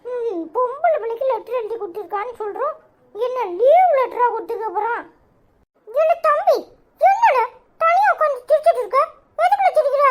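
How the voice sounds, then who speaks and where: A woman voicing a teasing younger brother in a cartoon, in a squeaky, giggly, sing-song voice with a Tirunelveli Tamil accent. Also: animated, quick pace, a crowd in the background. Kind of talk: cartoon voice acting.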